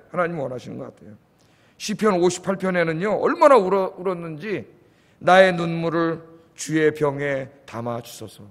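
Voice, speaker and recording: A man's voice: high voice, a bit bright, big-room sound. A middle-aged man preaching a sermon as pastor, emphatic, often tossing rhetorical questions to the congregation. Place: church sanctuary.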